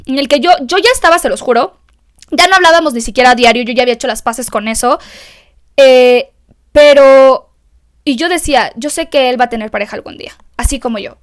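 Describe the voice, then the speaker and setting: A woman's voice: fairly high pitch, clear, resonant tone. A young woman with a Mexican accent hosting a solo podcast, talking candidly and emotionally to her listeners and swearing freely. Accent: Mexican Spanish. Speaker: podcast host. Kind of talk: confessional solo podcast monologue.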